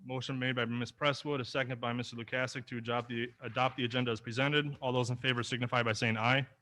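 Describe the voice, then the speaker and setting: A man chairs a school board meeting, moving through motions and agenda items in a brisk, procedural way. His voice is bright and forceful. He keeps things short and businesslike. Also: mid-range voice, level tone.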